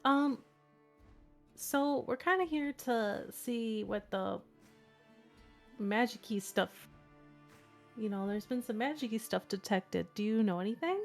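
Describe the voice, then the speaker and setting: A woman's voice: fairly high pitch, slow, long pauses, soft background music. A woman playing a tabletop game, asking playful questions and laughing easily. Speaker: player.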